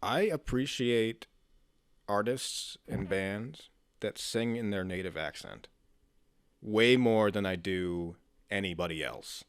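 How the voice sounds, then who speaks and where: A man's voice: on the low side, slow pace, clean tone, dry recording, clean studio sound. A man co-hosting a casual podcast, blunt and joking, swearing casually. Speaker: podcast co-host. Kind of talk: casual chat.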